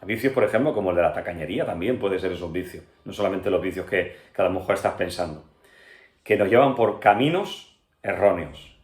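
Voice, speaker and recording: A pastor from Spain with a Spanish accent, teaching an earnest Bible-study sermon that speaks straight to the listener and keeps checking in with him. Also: male voice, low voice, animated, fairly quick, echoey room. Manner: earnest, addresses listener directly with frequent "¿vale?" and "¿verdad?".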